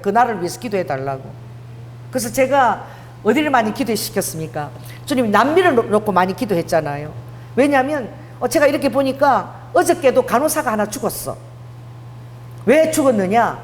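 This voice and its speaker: A middle-aged woman pastor preaching a conversational sermon, telling personal stories and acting out the dialogue. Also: high-pitched. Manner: conversational, mixes casual and polite speech, acts out dialogue. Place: church prayer hall. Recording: long hall reverb, faint hum.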